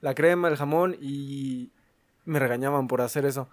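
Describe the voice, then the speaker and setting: A man's voice: medium pitch, normal speed. A young man with a Mexican accent, joking and laughing often in a casual chat, swearing freely. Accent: Mexican Spanish. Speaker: podcast co-host.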